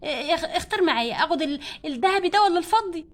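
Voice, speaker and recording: A shopping-mad wife doll from a doll play story, pleading and scolding her stingy husband. Her Egyptian Arabic comes very high and very fast. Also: expressive. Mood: bickering. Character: spendthrift wife doll who loves dresses.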